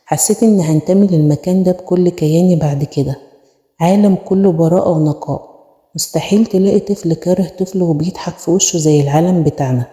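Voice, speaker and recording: A woman with an Egyptian accent narrating a first-person horror story in a brisk, plaintive way. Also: lowish voice, dark tone. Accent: Egyptian Arabic. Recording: echoey room with long reverb.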